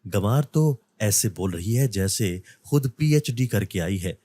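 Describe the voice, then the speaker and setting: A man's voice: lowish voice, animated, unhurried, dark tone, no echo. A man voicing an indifferent, lazy beggar husband who grumbles and brushes things off. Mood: grumbling. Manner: grumbling, dismissive.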